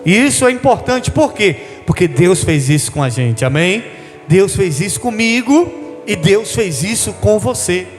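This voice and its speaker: A man's voice: high-pitched, animated, measured pace, in a large hall, soft background music. A man, a bishop, preaching a sermon, calling the congregation "querido" and leading them in call-and-response. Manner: addresses listeners as "querido", leads call-and-response.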